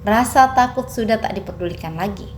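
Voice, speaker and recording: A woman's voice: mid-range voice, fairly quick, a little hiss or hum. A woman narrating a horror story steadily and dramatically.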